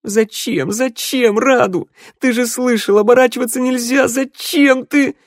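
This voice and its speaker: A man's voice: big pitch swings, measured pace, darkish tone, slightly rough, no echo, studio quality, heavily acted. A man voicing a distraught, tearful young woman who screams and sobs in an audiobook. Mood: anguished shouting. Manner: sobbing, shrill, screaming.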